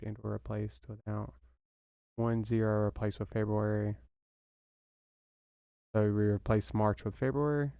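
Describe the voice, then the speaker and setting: A man's voice: lowish voice, vocal fry, darkish tone, dry recording. A young man with a Southern US accent, thinking aloud and swearing at his mistakes as he writes code. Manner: muttering to himself, swearing at mistakes. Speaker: programmer streaming his work. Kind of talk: thinking aloud while coding.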